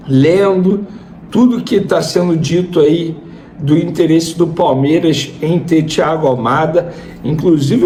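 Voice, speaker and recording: High-pitched Brazilian man talking football news. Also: darkish tone. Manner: emphatic, repeats points, asks and answers own questions. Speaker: football news YouTuber, host. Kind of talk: informal football news commentary with opinion.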